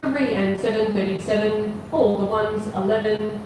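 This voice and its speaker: A woman working as a bingo caller, announcing numbers digit by digit in a measured, repetitive delivery. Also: mid-range voice. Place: large bingo hall. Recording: echoey hall PA, distant, noisy room.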